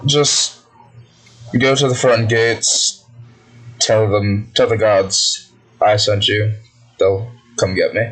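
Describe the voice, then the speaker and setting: A man running a tabletop game as game master, speaking measured and formal in character. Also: on the low side, steady tone, a bit bright, rough recording.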